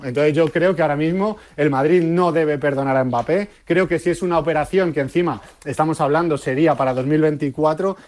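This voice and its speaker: Male radio pundit, firm and opinionated, fairly high voice. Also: a little mellow. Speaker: sports pundit.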